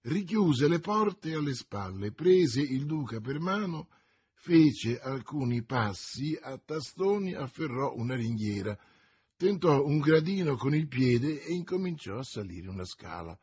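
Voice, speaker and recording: A man narrates a novel in a measured, expressive reading. His voice is husky and slightly breathy. He sounds like an audiobook narrator. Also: medium pitch. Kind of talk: scripted narration.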